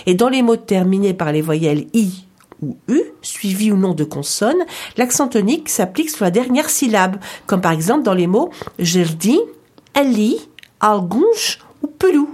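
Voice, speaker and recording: Lady co-host of a language lesson, slightly husky, calm explaining voice. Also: mid-range voice, moderate pace. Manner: confirms and gives example words one by one. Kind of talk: scripted lesson dialogue.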